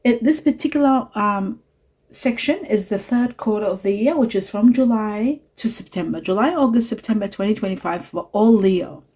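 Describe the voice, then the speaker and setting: Soft-spoken woman giving a tarot reading. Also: medium pitch, slightly rough. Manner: soft, unhurried and reassuring, with fillers and asides. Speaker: tarot reader. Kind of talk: spiritual card reading to camera.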